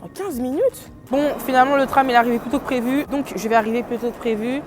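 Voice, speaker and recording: A young woman from France who has a cold vlogs casually into her phone camera, her high-pitched voice moving quickly through rambling chatter, giggles and fillers. Her nose sounds a little stuffed, and light music sits under her voice.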